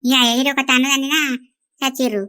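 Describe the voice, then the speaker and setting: Rajavva, a shrill bold village granny, voiced by a woman. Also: flat delivery, quick pace, sharp tone. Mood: boastful. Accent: Telangana Telugu. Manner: bold, boastful, scolding. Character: feisty old village grandmother. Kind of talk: animated village comedy dialogue.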